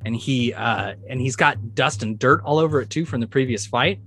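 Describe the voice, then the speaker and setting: A man narrating a tabletop game as dungeon master, telling the action vividly and excitedly, with sound effects. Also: mid-range voice, normal speed.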